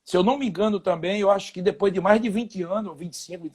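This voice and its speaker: A man's voice: high voice, fast talker, darkish tone, husky. A Brazilian man in his fifties, a former footballer, telling anecdotes in a casual interview with quoted dialogue.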